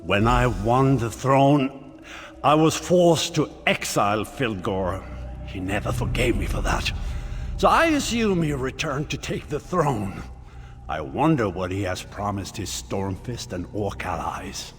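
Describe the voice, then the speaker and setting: A man's voice: mid-range voice, big pitch swings, unhurried. An actor playing a proud, defiant warrior king and war chief with a commanding, declamatory delivery in a fantasy game. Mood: brooding, measured. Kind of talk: dramatic fantasy game acting. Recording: long hall reverb, faint game music.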